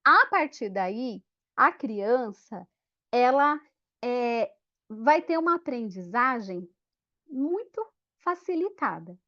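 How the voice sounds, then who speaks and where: A woman giving a lively teacher training talk, acting out classroom scenes in voices. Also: on the high side, takes it slowly. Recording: dull lo-fi sound.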